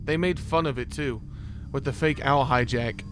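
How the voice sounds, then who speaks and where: Music runs under this reaction video host as he casually thinks out loud, exclaims, and reads text from a screen in slangy language. His voice is mid-range and a bit bright, moving at a moderate pace.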